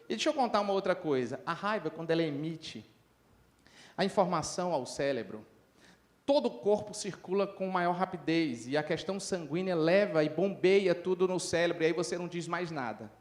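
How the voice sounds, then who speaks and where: A middle-aged man giving a lively conference talk, telling stories and acting out the people in them. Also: high voice, brisk. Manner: lively, acts out dialogue in different voices. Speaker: lecturer at a conference.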